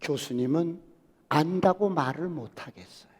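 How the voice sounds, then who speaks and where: Male pastor, sermon, high voice, long hall reverb, storytelling to emphatic appeal. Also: moderate pace, a little mellow, breathy edge. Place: church sanctuary.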